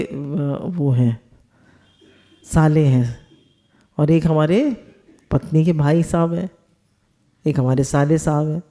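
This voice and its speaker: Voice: mid-range voice, warm tone. A spiritual teacher giving a discourse, explaining with everyday household examples and asking the listeners rhetorical questions.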